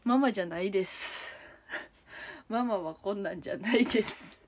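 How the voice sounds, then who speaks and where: A woman's voice: medium pitch, normal speed, slight background noise. A young woman with a Kansai accent chatting casually on a livestream from her room, answering viewers one by one and giggling often. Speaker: idol livestreamer. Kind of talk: casual livestream chat reading comments. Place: room at home.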